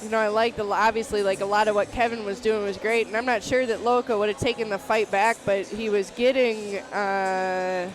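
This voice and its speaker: A woman offers conversational fight analysis as a colour commentator. A crowd is clearly heard behind her. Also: medium pitch, fairly even intonation, moderate pace, few pauses.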